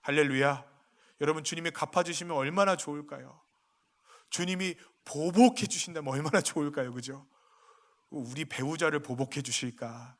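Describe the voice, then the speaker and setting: A male pastor preaching a sermon in a church, rising to loud emphatic peaks and dropping to quiet confiding asides, with many questions put to the congregation. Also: on the high side, normal speed. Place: church sanctuary.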